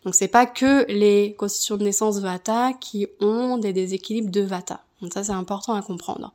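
A woman's voice: mid-range voice, steady tone, normal speed, a little mellow. A woman from France hosting a podcast, explaining things in an informal way. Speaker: podcast host, yoga teacher.

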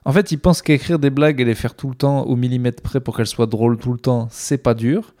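A man's voice: mid-range voice, steady tone, a little fast, warm tone. A man, a stand-up comedian, talking alone on his podcast in a rambling, sardonic way with many fillers. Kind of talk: casual solo podcast monologue.

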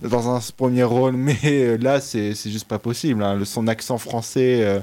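Young man with a crisp, scathing tone. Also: mid-range voice, moderate pace. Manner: scathing, animated criticism. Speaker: film critic. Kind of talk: casual film review chat.

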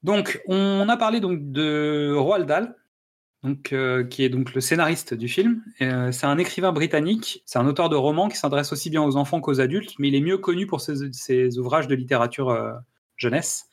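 A man's voice: fairly high pitch, moderate pace. A man hosting a casual film-review podcast, talking with frequent hesitations and restarts. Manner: hesitant, many "euh" and restarts. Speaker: podcast host.

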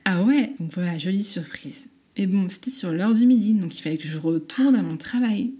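A woman's voice: mid-range voice, expressive, moderate pace, dark tone, slightly rough. A woman in her thirties telling a personal story candidly and with animation, acting out the voices in it and laughing often.

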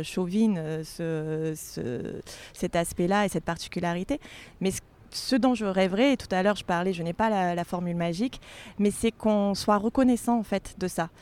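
A woman's voice: on the low side, a little mellow, clear, resonant tone. Hesitant Marseille woman in interview. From Marseille, France. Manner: hesitant, many fillers and restarts. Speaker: author and journalist guest. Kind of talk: casual interview.

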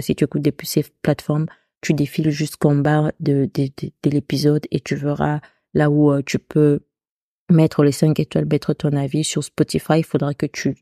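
A woman with a non-standard French accent talks to her listeners in a casual solo podcast, hesitant and full of little restarts. Her voice is mellow and fairly flat, recorded dry on a close mic with faint music underneath. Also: deep voice, no echo. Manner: chatty, hesitant, many restarts. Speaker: podcast host.

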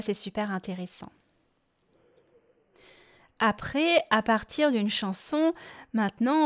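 A woman hosting a podcast, explaining music lessons for children patiently and step by step, with hesitant fillers as she thinks. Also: on the high side. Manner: patient, explains step by step, addresses the listener informally. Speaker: podcast host and music teacher.

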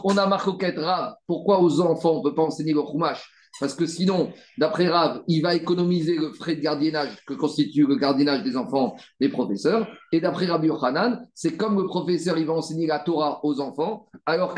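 A man teaching a Talmud study class, animated and repetitive, rallying his students with frequent asides. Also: sits high. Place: study room with students, also streamed on video call. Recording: echoey room.

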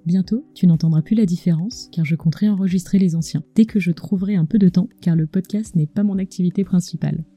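A woman's voice: fairly low pitch, fast, few pauses, mellow, soft background music. A woman narrates a scripted podcast as a storyteller, speaking intimately close to the microphone, right in the listener's ear. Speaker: podcast host, culinary storyteller. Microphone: close microphone with acoustic screen.

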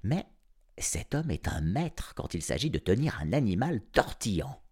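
Lively sardonic male storyteller. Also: lowish voice, normal speed, breathy edge. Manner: sardonic, animated first-person cat narration. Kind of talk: audiobook narration.

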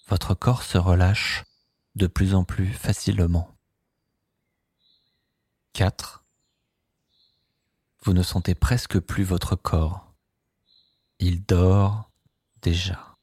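Very slow, deep-voiced man guiding sleep hypnosis. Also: slightly rough, no echo, clean studio sound. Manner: slow, soothing, hushed delivery.

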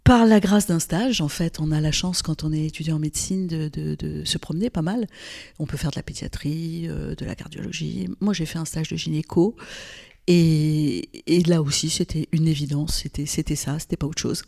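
A gravelly, dark-toned voice that sits low and moves at a moderate pace belongs to an older woman from Lebanon. She's a gynecologist and interview guest, thoughtful and reflective, often breaking off to hesitate or begin again.

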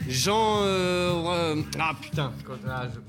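A man's voice: high voice, lively intonation, slow pace, music in the background. Fumbling, swearing male quiz guesser. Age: 40s. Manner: hesitant, full of fillers and swearing while guessing. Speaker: quiz player. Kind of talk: casual chat, music blind test.

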